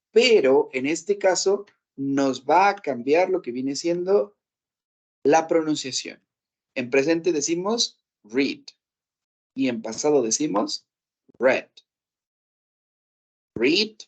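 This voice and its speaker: A man's voice: fairly high pitch, a little mellow. Man teaching English. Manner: explains step by step, checks with "¿ok?" often. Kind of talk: classroom lesson.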